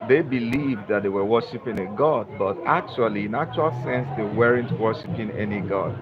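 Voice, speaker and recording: A man's voice: on the low side, moderate pace, a crowd in the background. A Nigerian-born man hosting a live stream, lecturing in a repetitive way and leaning on "you know". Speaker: livestream host. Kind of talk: live-stream talk to viewers. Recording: dull lo-fi stream audio with music behind.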